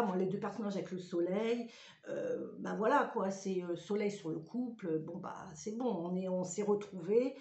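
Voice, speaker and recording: A woman's voice: medium pitch, a little mellow. A woman giving a casual spoken tutorial in a chatty, hesitant way, with frequent fillers. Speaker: ritual practice vlogger. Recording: roomy echoey room.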